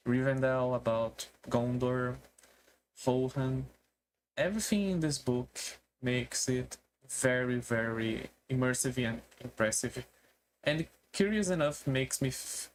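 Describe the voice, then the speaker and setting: Slow, halting streamer over background noise. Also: medium pitch, poor audio. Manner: halting, with non-native English phrasing. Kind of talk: casual solo debut stream talk about favourite books and music.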